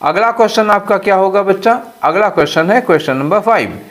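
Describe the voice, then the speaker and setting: A man teaching English for an exam, explaining in a mix of Hindi and English and asking and answering his own questions. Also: high-pitched. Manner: slows way down to read out English phrases. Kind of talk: exam-prep lesson.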